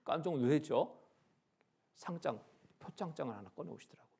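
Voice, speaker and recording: A male pastor telling a story in a church sermon, animated, acting out the dialogue and swinging from loud to hushed. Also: a little high, normal speed, creaky, breathy edge. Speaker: pastor, Bible lecture speaker. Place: church sanctuary.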